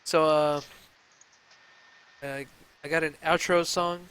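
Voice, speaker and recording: A man's voice: a little high, level tone, slow, fairly bright tone, smooth, low-quality recording. A young man hosting a casual gaming talk stream, chatting loosely with lots of fillers and restarts. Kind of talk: casual live-stream chat.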